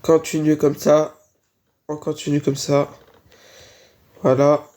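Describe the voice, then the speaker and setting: Slow and completely flat, a warm, medium-pitched voice guides a casual Minecraft building tutorial. The creator is slightly sick, sneezing, hesitant, and keeps repeating "voilà" and "on continue."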